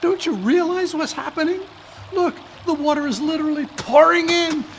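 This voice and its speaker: A performer playing Dr. Watson, a flustered, blustering gentleman sidekick, stammering and exclaiming in old-time radio drama style. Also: high voice, moderate pace. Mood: alarmed. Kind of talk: old-time radio drama acting, live stage reading. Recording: live conference recording, background water noise.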